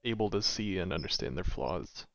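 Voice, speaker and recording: A man's voice: low voice, animated, moderate pace. A man co-hosting a podcast in easygoing, reflective casual chat. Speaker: podcast co-host. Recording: dull lo-fi audio.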